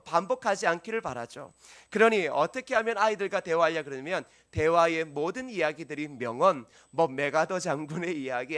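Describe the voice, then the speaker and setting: High-voiced preaching male pastor. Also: fairly bright tone. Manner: earnest preaching, asks the congregation questions. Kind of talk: sermon. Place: church sanctuary.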